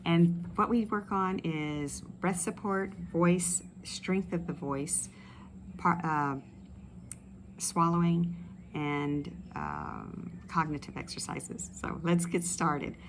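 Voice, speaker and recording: A woman speech pathologist leading voice and swallowing exercises in a relaxed, explanatory way with many fillers. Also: lowish voice, slow pace, slight background noise. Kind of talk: instructional exercise video. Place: outdoors in a tropical setting. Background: ambient outdoor sounds with birds.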